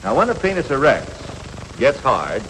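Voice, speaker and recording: Heard on a noisy, reverberant 1950s film soundtrack, this American man acts as a coach instructing adolescent boys, patient and matter-of-fact, plainly and reassuringly frank. He speaks at a measured pace in a fairly bright, mid-range voice with huge pitch swings.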